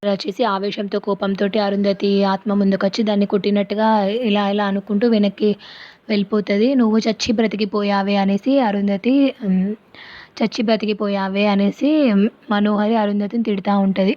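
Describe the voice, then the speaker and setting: A woman's voice: medium pitch, level tone, fairly quick. A woman casually retelling a TV serial episode, quoting the characters' lines as she goes. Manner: retells scenes and quotes lines, often tagging them with a filler phrase. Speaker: serial recap narrator. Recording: dull, dry recording.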